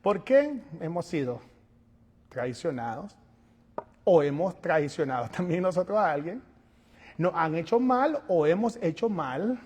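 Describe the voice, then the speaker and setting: A male pastor preaching a sermon, animated, moving between quiet asides and loud calls, and acting out little scenes. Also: on the high side, unhurried, husky, in a large hall. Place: church sanctuary.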